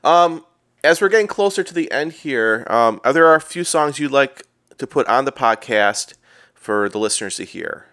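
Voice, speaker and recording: A man hosting a podcast, affirming his guest in a relaxed interview chat. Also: medium pitch, moderate pace, no echo, clean studio sound. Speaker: podcast host.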